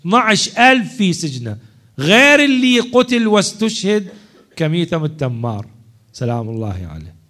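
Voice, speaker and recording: A man, a religious orator telling a story in a mourning sermon, swinging between loud cries and hushed asides. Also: sits high, very animated, moderate pace.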